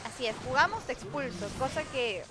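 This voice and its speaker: A young woman with a high-sitting, animated voice talks briskly during a home game stream. She reads viewer messages aloud, thanks people and giggles a lot, all in a casual chat. Clear game music runs underneath.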